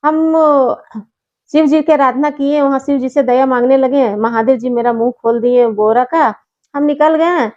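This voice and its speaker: A woman's voice: high voice, a little slow, mellow. A woman voicing a worried older mother-in-law who warns her son, in a slightly muffled recording.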